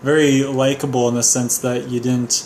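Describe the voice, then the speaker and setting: A man's voice: medium pitch, little pitch movement, moderate pace, a little mellow, echoey room, a little hiss or hum. A young Canadian man talking casually with his wife, explaining things in an earnest, careful way. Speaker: co-host of a couple's livestream. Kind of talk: casual chat.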